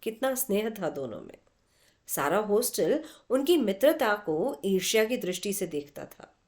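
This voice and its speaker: A woman with a medium-pitched voice reads a literary story aloud, unhurried and expressive, letting dramatic pauses hang.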